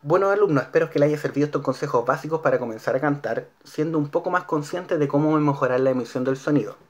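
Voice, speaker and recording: A man with a Chilean Spanish accent, a school music teacher giving a recorded singing lesson to his students, explaining and demonstrating exercises in a calm, clear way. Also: a little high, fast talker. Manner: calm, clear instructional delivery with demonstrated vowels.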